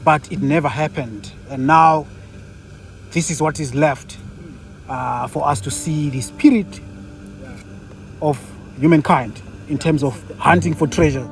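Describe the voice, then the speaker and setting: A man's voice: on the high side, fairly even intonation, a little slow, long pauses, soft background music. A man with a South African accent talking casually as the host of a travel vlog.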